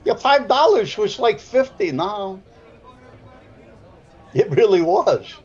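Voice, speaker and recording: Speaking slowly, with a high-sitting voice and lively intonation, a South Side Chicago man in his seventies gives rambling, gruff, folksy pool commentary. Between shots he drifts into storytelling, and the audio is dull and lo-fi.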